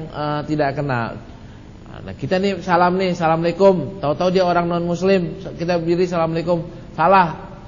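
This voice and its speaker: Male religious teacher, casual joking delivery, higher voice, muffled echoey hall recording. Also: slight background noise. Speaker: Islamic study teacher. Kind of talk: religious study talk answering questions.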